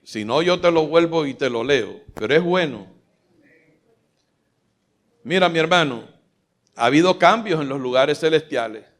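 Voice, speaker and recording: A man's voice: fairly high pitch, animated, measured pace, pauses often. Emphatic preacher man with a raised voice. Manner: emphatic, rousing, calls out questions to the congregation. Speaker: pastor. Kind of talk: live Sunday sermon. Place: church stage before a large congregation. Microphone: filmed from a stage mic.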